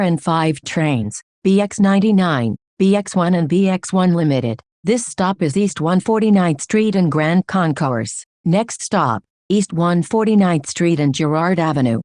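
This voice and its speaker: A woman's voice giving automated bus stop announcements, reading street names and transfers in a measured, even, formal way. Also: lowish voice, no room sound, studio quality.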